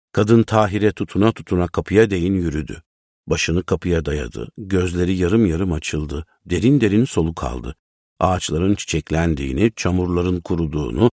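Deep-voiced male story reader. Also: a little mellow, husky, dry recording, clean studio sound. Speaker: narrator. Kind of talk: storybook reading.

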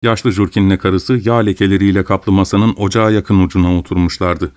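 A man narrating a story in a steady, measured audiobook reading. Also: deep voice, clear, resonant tone, dry recording, clean studio sound.

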